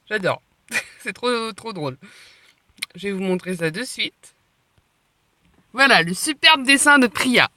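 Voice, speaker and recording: A woman's voice: mid-range voice, sharp tone, dry recording. A woman reading a visual novel aloud on stream, chatty and laughing often as she comments between the lines.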